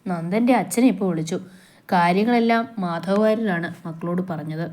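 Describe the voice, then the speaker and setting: A middle-aged father, voiced by a woman storyteller speaks in a measured, firm way. He is the calm but stern head of his family. The voice keeps the reader's own warm, mellow tone. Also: on the low side, natural voice.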